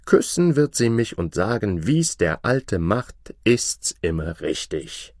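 A man voicing a simple, content old farmer who speaks plainly and calmly. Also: slow, no echo, clean studio sound, full character voice. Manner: plain, calm, low.

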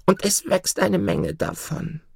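A man's voice: high voice, fairly even intonation, takes it slowly, creaky, a little mellow, husky, no echo, clean studio sound, voice pushed up, heavily acted. A man voicing a kind, clever female goose in a fairy tale, speaking in a soothing, knowing way. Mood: reassuring.

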